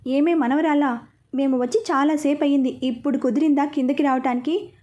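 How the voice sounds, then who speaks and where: A woman's voice: high-pitched, fairly even intonation, fairly quick, warm tone, muffled recording, natural voice. A woman voicing a teasing old grandmother. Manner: playful teasing.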